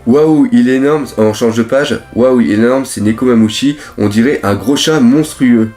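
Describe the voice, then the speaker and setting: Excitable man reacting live, swearing. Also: mid-range voice, normal speed, faint music behind. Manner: excitable, exclaiming and swearing often. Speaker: manga reaction host. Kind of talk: live reaction, reading a comic chapter aloud.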